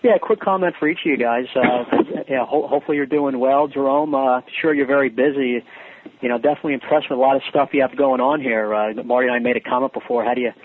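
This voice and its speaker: A man's voice: mid-range voice, fast, slight background noise. A man in his forties co-hosting a radio show, chatty and teasing, rambling with restarts. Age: 40s. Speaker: radio co-host. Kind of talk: casual chat. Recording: phone-like radio line.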